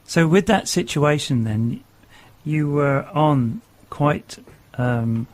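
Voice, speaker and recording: A man hosting a radio interview, prompting his guest in a halting, gentle way. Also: on the high side, lively intonation, dry recording. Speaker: radio host.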